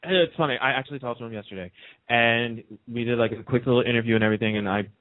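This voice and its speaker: Fast and medium-pitched, with no echo, a man voices strong, emphatic opinions about TV soaps during a casual radio panel chat, repeating himself to make his point. It comes through as muffled, lo-fi phone-line radio sound.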